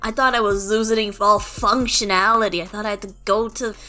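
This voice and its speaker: A voice actor recording roleplay audio runs through goofy outtakes, reading takes and muttering to herself as she stumbles over lines. Her medium-pitched voice is steady, brisk and sharp, and she's playful and self-deprecating, with music in the background.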